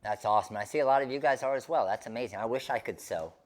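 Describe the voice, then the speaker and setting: A man with a medium-pitched voice hosts a live craft stream. He talks in a casual, chatty way, speaking directly to viewers as if he knows them. His delivery is informal and conversational. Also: racing.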